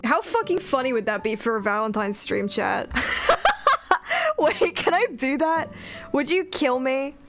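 A woman's voice: sits high, animated, moderate pace, fairly bright tone. A woman livestreamer chatting casually and playfully with her viewers, with a sweary, giggly manner. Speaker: VTuber livestreamer. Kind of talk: casual gaming stream chat.

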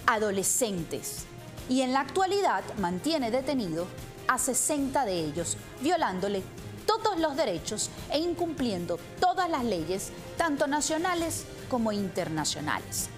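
A woman's voice: fairly high pitch, sing-song, unhurried, music in the background. A woman in her thirties presenting the news in a studio with pointed commentary, speaking emphatically into a lapel mic. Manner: emphatic, gestures while speaking.

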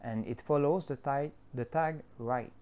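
Speaking at a medium pitch with a dark tone, a French-accented tutorial maker talks through a game editor in English. He proceeds unhurriedly, step after step, using filler words between explanations.

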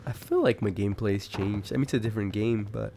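A man with a low, gravelly voice rambles casually as he comments on gameplay. He sounds sick and keeps clearing his throat, swearing freely as he talks. The recording carries a steady hiss of noise behind him. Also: quick pace. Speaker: gaming commentator.

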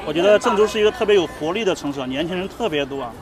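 A man in his thirties hosts a casual street vlog at an outdoor market, his high-pitched voice rapid-fire and lively in intonation. He's chatty, asks lots of questions, and sometimes hawks food like a vendor. Music and crowd noise play over the busy, crowded street with traffic.

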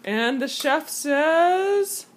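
With teasing, over-the-top enthusiasm like a pretend TV host, a woman banters playfully while hosting a home cooking video from off screen, captured on a phone camera in her kitchen. She has a high, animated voice and speaks very slowly.

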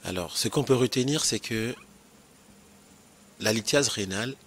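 A man's voice: on the low side, a little slow, fairly bright tone, husky. A man, a nephrologist explaining kidney stone prevention in a health interview, repeating key points and checking that he is understood.

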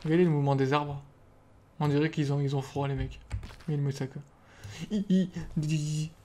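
A man hosting a let's play, chatting casually as he plays and haltingly reading game text aloud with jokes. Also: mid-range voice, little pitch movement, dark tone, slight background noise. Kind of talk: casual gameplay commentary.

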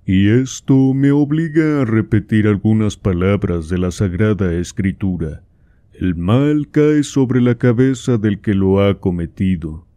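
A man's voice: fairly low pitch, expressive, measured pace, warm tone, no echo. A man reading aloud, voicing an anxious, pleading cardinal with an earnest, slightly raised delivery.

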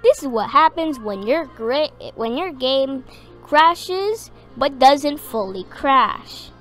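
High-voiced woman rambling over gameplay. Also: animated, slow pace, fairly bright tone, faint music behind. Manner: rambling, hesitant, many ums. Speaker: gaming video creator. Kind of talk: casual gameplay commentary.

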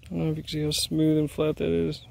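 A man with a somewhat high, gravelly voice talks casually as he walks a crop field. He rambles in an easygoing, self-deprecating way. The sound comes from a handheld camera outdoors. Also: completely flat delivery, fast talker, darkish tone. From Indiana. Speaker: arrowhead hunter filming his finds. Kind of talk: casual outdoor vlog narration. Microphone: handheld camera mic.

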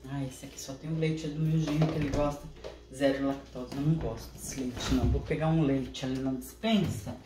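A woman's voice: low voice, fairly even intonation, a little fast, hardly any pauses, distant mic, background noise. An older woman with a Brazilian Portuguese accent chatting casually to viewers in her home kitchen in a homely way. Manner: chatty and homely, talks to viewers while cooking. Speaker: vlogger. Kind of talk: casual home vlog chat. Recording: roomy home echo.

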